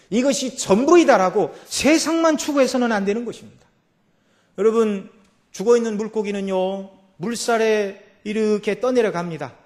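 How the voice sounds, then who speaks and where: A man preaching a Sunday sermon as pastor. He swings from quiet passages to loud, emphatic peaks and asks the congregation rhetorical questions. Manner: rising to loud emphatic peaks, then dropping low. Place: church sanctuary.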